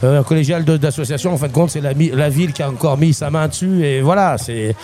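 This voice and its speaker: Brief: middle-aged local man, Grenoble-area accent, casual and talkative, gropes for words, slightly high voice. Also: quick pace, mellow. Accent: Grenoble area (Grésivaudan). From Grenoble, France. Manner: talkative, hesitant, searches for words. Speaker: local resident, interviewee. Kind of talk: casual interview chat. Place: outdoors at a neighborhood festival.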